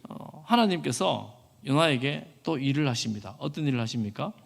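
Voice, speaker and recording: A man preaching a sermon as pastor, earnest and animated. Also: medium pitch, moderate pace, gravelly. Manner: earnest, animated, acts out quoted speech. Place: church hall. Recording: echoey church hall.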